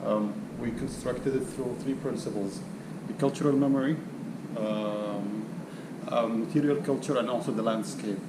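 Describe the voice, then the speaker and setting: A man from Saudi Arabia, a curator, explaining an exhibit on a tour in a halting, earnest way with many fillers. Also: medium pitch. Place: museum exhibition hall, indoors. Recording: echoey hall with loud hum.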